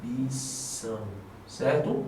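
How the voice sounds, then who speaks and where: A Brazilian man teaching an English grammar lesson, animated and often checking in with his students. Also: mid-range voice, slow, echoey room. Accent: Brazilian Portuguese. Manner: animated, addresses students directly with frequent checks. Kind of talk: classroom lesson explaining grammar.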